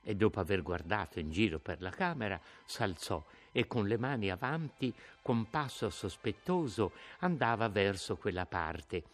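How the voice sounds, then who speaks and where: A man narrating a classic novel as an audiobook in a slow, expressive reading. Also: lowish voice. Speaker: audiobook reader.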